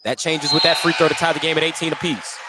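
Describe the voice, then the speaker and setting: With a fairly high pitch, flat delivery and quick pace, a male radio commentator gives a clipped running call of basketball action. He does play-by-play in an indoor gym mid-game, amid the noise of a live sports broadcast.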